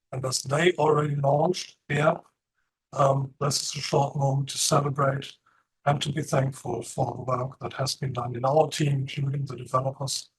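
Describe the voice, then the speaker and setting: A man with a slightly husky voice walks his audience through a new app over a video call. He explains step by step at a steady pace, filling pauses with ums. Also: a little high, poor audio. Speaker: presenter at an online app launch. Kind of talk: product presentation.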